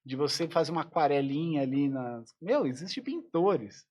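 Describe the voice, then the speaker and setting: This podcast guest, a male musician, has a somewhat high, darkish voice that's expressive and moves at a moderate pace. In relaxed interview chat, he muses out loud and keeps starting his sentences over.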